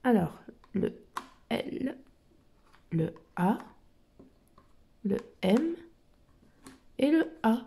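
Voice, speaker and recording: Slow, high-pitched woman reading a kids' story aloud, gentle letter-by-letter spelling. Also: very animated, vocal fry.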